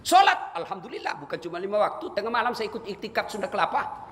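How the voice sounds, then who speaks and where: A man's voice: high-pitched, very animated, fast talker, noisy background, pitched above the performer's own voice. A man voicing a poor, humble, pious household servant in a raised, pleading voice, heard in a sermon with long hall reverb.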